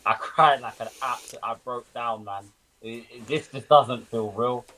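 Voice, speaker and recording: Man, British accent, hungover, bright edgy voice, mid pitch, slangy emphatic fan chat. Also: normal speed, poor audio. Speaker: football fan panelist. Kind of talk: casual chat on a livestream panel.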